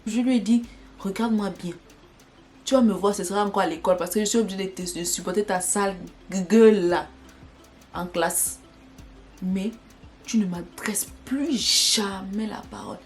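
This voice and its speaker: A young woman telling a personal story in an animated, dramatic way for her vlog. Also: medium pitch, normal speed, faint music behind. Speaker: vlogger.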